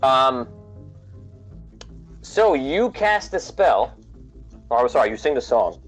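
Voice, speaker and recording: A man's voice: mid-range voice, sing-song, slow, soft background music. A man casually narrating a tabletop game as game master.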